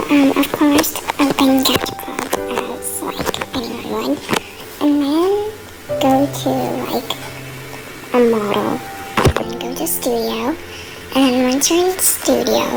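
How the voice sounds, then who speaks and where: A woman's voice: sits high, gravelly, poor audio. A woman speaking through a voice changer as she gives a casual, rambling tutorial with lots of "like" and "and then". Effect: voice changer disguising the real voice. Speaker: tutorial maker. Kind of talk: casual step-by-step screen tutorial.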